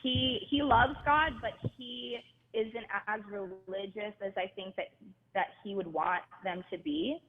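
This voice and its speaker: A woman's voice: mid-range voice, steady tone, a little slow, a little hiss or hum. A woman in her thirties calling in to a live talk show over the phone, explaining earnestly at length with lots of "like" and "you know". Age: 30s. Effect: heard over a phone line. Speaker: caller. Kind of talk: caller on a live call-in show. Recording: tinny phone line with long reverb.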